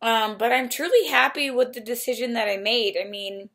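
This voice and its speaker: A woman's voice: fairly high pitch, normal speed, fairly bright tone. A young woman with new dentures in, chatting casually to the camera. Her speech sounds a little altered, and she keeps an upbeat, reassuring tone. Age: young adult. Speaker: vlogger.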